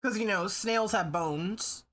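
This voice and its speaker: A woman's voice: mid-range voice, takes it slowly, a bit bright. A woman livestreamer chatting casually with her viewers, swearing freely and laughing often. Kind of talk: casual stream chat.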